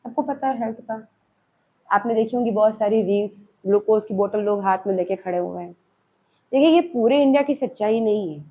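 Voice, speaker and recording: Lively Indian woman teaching a class. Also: fairly high pitch. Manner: conversational, keeps checking in with students, animated. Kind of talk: classroom lecture mixing Hindi and English.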